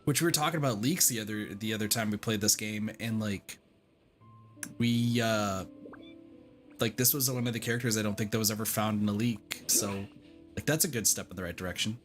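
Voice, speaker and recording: Talking fairly quickly in a mid-range voice, a game streamer keeps up casual livestream chat during play, backed by video game music. The delivery is blunt and profane, meandering and repetitive, with "like" used over and over.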